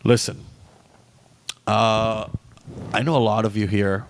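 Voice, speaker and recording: A man in his twenties co-hosting a podcast, talking in an animated, rambling, jokey way. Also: lowish voice, takes it slowly, a little hiss or hum. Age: 20s. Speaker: podcast co-host. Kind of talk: casual chat.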